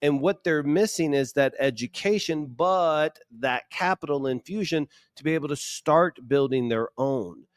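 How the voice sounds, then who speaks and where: A man hosts a podcast interview with eager, affirming energy and asks long, winding questions. His voice is fairly high for a man. The recording is dry and close. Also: a little slow, hardly any pauses, dry recording. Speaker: podcast host.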